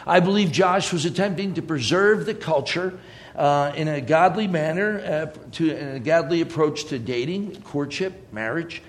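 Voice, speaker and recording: A man preaching a sermon in a conversational way, with joking asides. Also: sits high.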